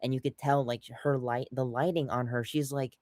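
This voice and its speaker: A man's voice: medium pitch, fairly even intonation, moderate pace, a little mellow, no echo, studio quality. A young man co-hosting a podcast, rambling through casual chat with lots of fillers and restarts, acting out quotes along the way. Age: young adult. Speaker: podcast co-host.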